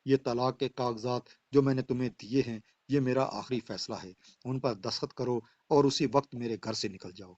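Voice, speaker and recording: A man reads out a betrayed husband with a stern, accusing, unforgiving voice. The pitch sits in the ordinary middle for a man. The track is dull and muffled, and the voice is close and dry with no room around it. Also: fairly even intonation, hardly any pauses, darkish tone, dry recording, natural voice. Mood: resolute.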